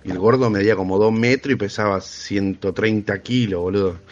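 A young Argentine man tells school stories among friends in a loose, slangy way, laughing as he goes. His voice is a little husky and comes through a dull, lo-fi recording. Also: on the low side, steady tone, fairly quick. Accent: Rioplatense Spanish. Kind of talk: casual storytelling among friends.

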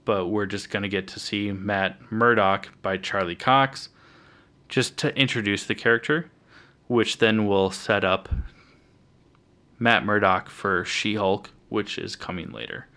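A man co-hosting a casual podcast about superhero films, excited and jokey, swearing casually. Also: fairly low pitch, measured pace. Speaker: podcast co-host.

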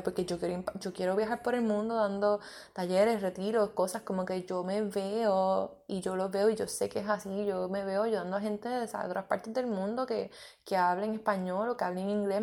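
A woman, hosting a casual podcast monologue as a mindset coach, candid and expressive, dropping in English words and swearing freely. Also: medium pitch, normal speed, gravelly.

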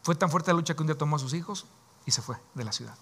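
A pastor in his forties shares his own story during a sermon, speaking emotionally and confidingly. His voice is fairly high-pitched and very fast.

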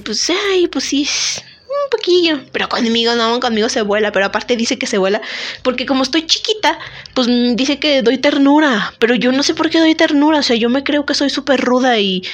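A woman's voice: fairly high pitch, a bit bright. A woman, host of a casual talk podcast, chatting to listeners in a joking, self-deprecating way while a bit sick. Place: temporary recording spot.

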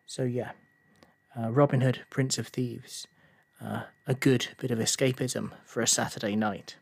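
Male podcast host, mid-pitched, dry close sound, relaxed and hesitant, given to rants. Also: measured pace, vocal fry, dry recording. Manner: casual, hesitant with many fillers, rising into a heated rant. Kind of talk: solo film review podcast.

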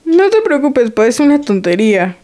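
A woman's voice: sits high, sing-song, normal speed, dark tone. An actress playing a sulky teenage daughter upset about her boyfriend, with a Mexican Spanish accent. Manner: sulky, reluctant.

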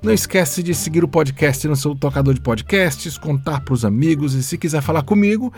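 A man reading a rhyming picture book aloud for a children's story podcast in a slow, lively, sing-song way. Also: fairly high pitch, faint music behind.

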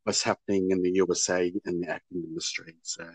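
A man, an actor answering interview questions in a halting way that often repeats words. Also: sits low, flat delivery, no room sound. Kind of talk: casual interview chat.

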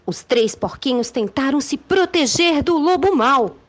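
A Brazilian woman telling a story to children in the expressive manner of a kids show host. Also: high voice, measured pace.

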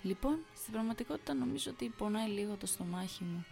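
A woman voicing a young man who hides his fear behind forced, hesitant calm. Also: medium pitch, gravelly, faint music behind. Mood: nervous.

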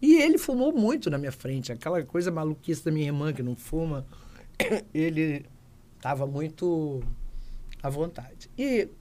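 Older woman telling lively anecdotes. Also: low-pitched, moderate pace. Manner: lively anecdotes, acting out quoted voices. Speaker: actress, interview guest. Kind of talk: casual interview storytelling.

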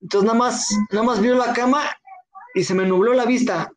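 High-voiced Mexican man telling a story. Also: brisk. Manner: slangy, relaxed, acts out the lines of people in the story. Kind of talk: casual chat, telling a drinking anecdote.

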